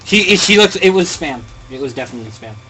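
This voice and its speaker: A man co-hosting a casual radio show, quick and joking. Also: on the high side, sing-song, crowd noise, rough recording. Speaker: co-host. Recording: music behind.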